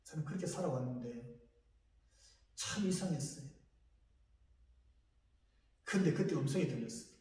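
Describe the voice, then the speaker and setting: A man's voice: medium pitch, lively intonation, moderate pace, pauses often, dark tone. A middle-aged male pastor giving an emotional testimony in a sermon, telling his story with shifting intensity. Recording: echoey church hall picked up from a distance.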